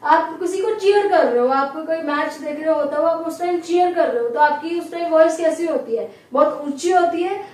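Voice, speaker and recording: High-voiced woman lecturing in an echoey room. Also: darkish tone, far from the mic. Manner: explanatory, mixes English terms, frequent "ठीक है" check-ins. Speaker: psychology lecturer. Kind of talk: recorded classroom lesson.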